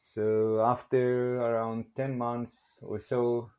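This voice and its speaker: On a lo-fi recording, a clean, mid-range voice with little pitch movement takes its time. It belongs to a Greek man in his forties with a Greek accent, a barbell company production manager guesting on a casual storytelling podcast, who jokes, laughs frequently, and often says "you know."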